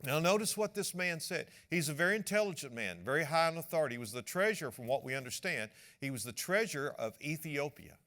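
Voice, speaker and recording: Animated preaching man, lively pitch. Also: quick pace, few pauses. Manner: animated preaching, repeats words and acts out quoted speech. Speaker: pastor. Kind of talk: sermon.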